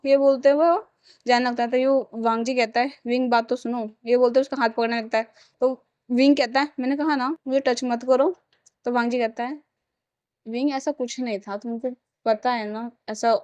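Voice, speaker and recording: A woman's voice: high voice, darkish tone, no echo. A woman casually narrating a fan-fiction romance story, speaking every part herself with frequent restarts. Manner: retells all parts in her own voice, with many restarts.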